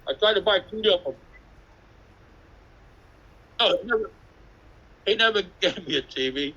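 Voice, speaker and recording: Older new guy on a video call, husky and bright, tells loose street stories and swears a lot. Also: high-pitched, expressive, normal speed, highs cut off. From New York City. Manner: swearing, laughing, jumps between stories. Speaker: interviewee, graffiti artist. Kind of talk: rambling casual storytelling. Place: indoors at an artist residence.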